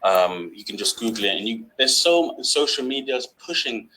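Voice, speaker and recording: A man's voice: medium pitch, lively intonation, normal speed, sharp tone, a little hiss or hum, rough recording. A man presenting as a guest trading trainer on an online webinar, chatty with many fillers. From United Kingdom.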